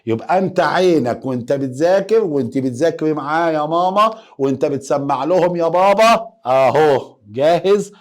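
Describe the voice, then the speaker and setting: A man with an Egyptian Arabic accent teaching a lively lesson, playfully coaxing students to repeat letters after him. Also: on the high side, moderate pace, hardly any pauses. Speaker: German teacher.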